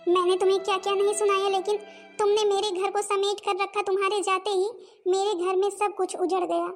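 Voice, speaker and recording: Bossy older mother-in-law, voiced by a woman, high-pitched, scolds and complains. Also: level tone, fairly quick, soft background music. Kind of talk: cartoon voice acting.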